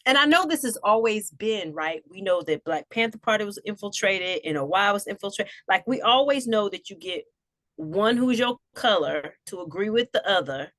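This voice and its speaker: A woman's voice: medium pitch, animated, normal speed, a bit bright, no room sound. A woman co-hosting a casual political chat, musing aloud and reading out notes as she talks. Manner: musing, reads aloud, laughs often. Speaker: podcast co-host.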